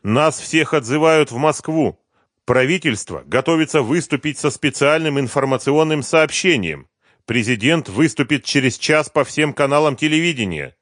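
A man voicing an excitable male colonel who shouts his lines in a high, strained voice. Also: moderate pace, no echo, studio quality. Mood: alarmed. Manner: high-pitched frantic shouting.

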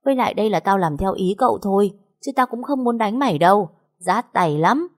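A woman's voice: mid-range voice, very animated, fairly quick, pitched above the performer's own voice. A woman voicing a smug, cheeky young maid who mocks her rival. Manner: mocking, smug.

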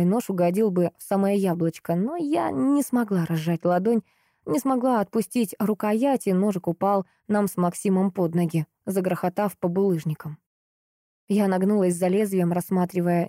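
A woman narrating a novel in the first person, expressive and measured. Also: medium pitch, dry recording, clean studio sound. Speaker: audiobook narrator.

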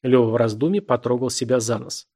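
A man reading a literary novel aloud as an audiobook narrator, at an even, measured pace. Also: mid-range voice.

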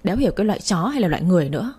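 A woman's voice: lowish voice, very animated, racing, mellow, husky, full character voice. A woman voicing a coarse, blunt neighbor woman who scolds hard. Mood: angry. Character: foul-mouthed tough older woman neighbor.

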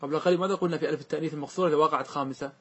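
Man, grammar teacher, husky voice, slightly high, patient, repeats examples, checks in with students. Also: fairly even intonation, racing, fairly bright tone. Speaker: teacher explaining Arabic grammar. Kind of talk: classroom lesson on a grammar poem.

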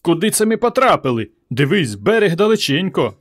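A man's voice: medium pitch, brisk, lightly acted. A man voicing a gloomy, grumbling young man in a storybook reading. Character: grumpy, fussy young man.

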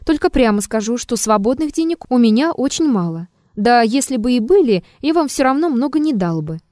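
A woman voicing a calm, aloof man in an audiobook, answering coolly and dryly. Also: a little high, a little fast, no echo, pitched above the performer's own voice. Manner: calm and dry.

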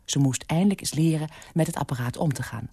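A woman reading a story aloud for radio in a calm, measured narration, close to a studio mic. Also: low-pitched, slightly rough, dry recording. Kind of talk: scripted narration.

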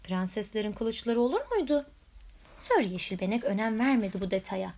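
A woman reading a children's picture book aloud with lively, expressive storytelling. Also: medium pitch, moderate pace. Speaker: storybook reader.

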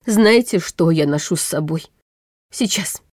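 A woman's voice: sits low, a little slow, darkish tone, dry recording, studio quality. A woman reading a storybook audiobook, voicing a weary, anxious older male chancellor who speaks in a gloomy, hesitant way.

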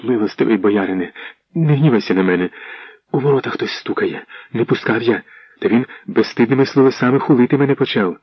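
A man's voice: medium pitch, fairly quick, breathy edge, dry recording, natural voice. A man reading a timid servant who was once a monk, speaking apologetically. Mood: pleading. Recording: dull muffled audio.

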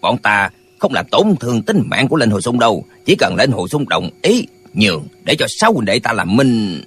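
Boastful old wuxia fighter read by a man, husky, bouncy pitch. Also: big pitch swings, normal speed, fairly bright tone. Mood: cocky. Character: boastful, slow-witted old male martial artist. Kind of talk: audiobook character voice.

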